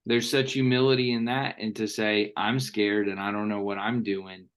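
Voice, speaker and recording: Deep-voiced earnest male host. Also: flat delivery, smooth. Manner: earnest, quotes thinkers, slows for emphasis. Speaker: podcast host. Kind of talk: reflective interview talk.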